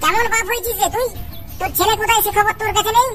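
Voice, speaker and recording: Angry cartoon villager, shrill and rapid woman voicing, over loud music. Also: fairly even intonation. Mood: furious. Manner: shouting, threatening, rapid. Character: furious loud adult village man, threatening.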